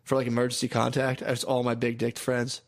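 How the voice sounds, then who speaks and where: A young man trading crude, excitable banter with a friend, laughing often as he talks. His voice sits in an ordinary middle pitch for a man. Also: fairly quick. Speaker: podcast co-host. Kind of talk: casual chat.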